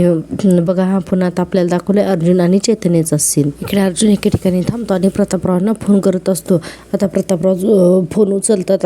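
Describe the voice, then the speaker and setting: A woman's voice: medium pitch, dark tone. A woman casually retelling a TV serial episode, quoting the characters in her own voice as she goes. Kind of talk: casual narrated recap.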